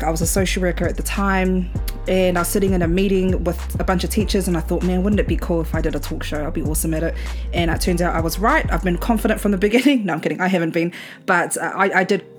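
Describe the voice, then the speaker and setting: Chatty woman, lowish voice. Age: about 29. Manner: chatty, informal. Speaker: podcast host. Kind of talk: casual solo podcast talk. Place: at home.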